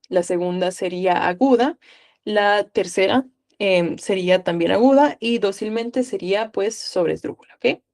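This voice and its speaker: A woman's voice: mid-range voice, a little mellow. Upbeat woman tutor coaxing students. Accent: Guatemalan. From Guatemala. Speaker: online tutor. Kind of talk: live online class.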